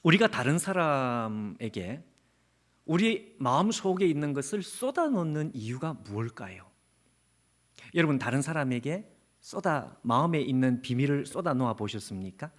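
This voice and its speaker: A man preaching a revival sermon as a pastor, earnest and questioning the congregation directly, sometimes dropping to a hushed near-whisper. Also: medium pitch, sing-song, normal speed. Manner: speaks Jeremiah's prayer as his own, dropping to a hushed near-whisper. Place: church sanctuary.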